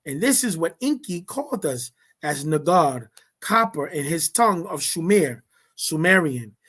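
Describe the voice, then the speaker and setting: A reader works through a text aloud in a slow, deliberate delivery. The voice sits in a middle pitch. Each passage is followed by casual commentary that explains it. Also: very animated, a bit bright, breathy edge. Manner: reads passages, then explains them in casual speech. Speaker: reader leading a study session.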